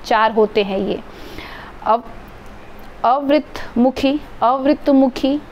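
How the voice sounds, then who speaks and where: A woman teaching an exam-prep grammar lesson, explaining step by step and drawing out sample sounds. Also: a little high. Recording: dull lo-fi recording with faint noise.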